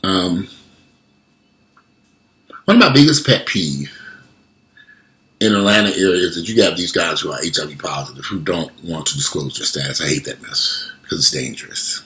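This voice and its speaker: Toothless man, blunt and low-voiced. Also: normal speed, pauses often, bright, forceful tone, rough recording. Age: late 40s. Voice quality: toothless speech, missing teeth. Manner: blunt, emphatic, repeats himself. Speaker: vlogger. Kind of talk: casual talk to social media followers.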